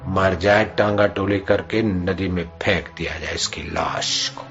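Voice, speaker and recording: A man giving a devotional sermon, telling a story and acting out its characters with dramatic pauses. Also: deep voice, fairly even intonation, gravelly. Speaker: spiritual preacher. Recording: dull lo-fi recording with faint music.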